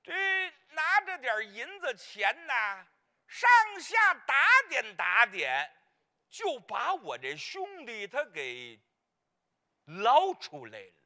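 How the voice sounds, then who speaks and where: A clown-role performer voices a gossipy, comic wife in Peking opera, using a Beijing accent and a full character voice. Mid-range but swooping wildly, the delivery is slow and sharp-toned, rambling clumsily and tripping over names.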